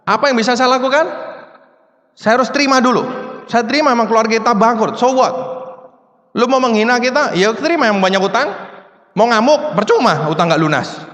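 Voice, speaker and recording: This motivational speaker has an extremely high, slightly bright voice and talks fairly quickly, pausing often. He addresses a seminar audience in a chatty way, leaning on rhetorical questions, with long hall reverb audible.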